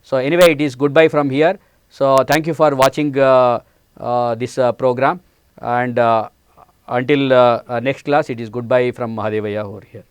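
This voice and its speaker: A man's voice: mid-range voice, fairly even intonation, moderate pace, clear, resonant tone, no echo. A man in his forties with an Indian English accent, giving a programming lecture step by step with many hesitant fillers. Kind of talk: classroom lecture. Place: studio set, indoors.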